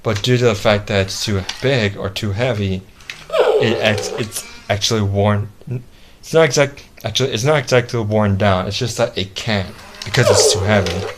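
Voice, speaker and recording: A man with a fairly low voice demonstrates a product in a casual review. He speaks haltingly, circling back to repeat and restart his sentences. The home-video recording has clear background noise. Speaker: toy reviewer.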